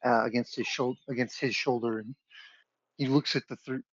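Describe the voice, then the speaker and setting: A man's voice: medium pitch, normal speed, breathy edge, dry recording. Man game master narrating a tabletop game. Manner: relaxed, hesitant with fillers. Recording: dull lo-fi online audio.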